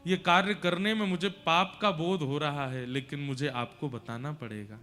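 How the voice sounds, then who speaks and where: Man doing messenger Akrur, grave, formal, hesitant, lower and quieter voice. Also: normal speed, soft background music. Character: solemn adult male messenger Akrur, guilt-laden.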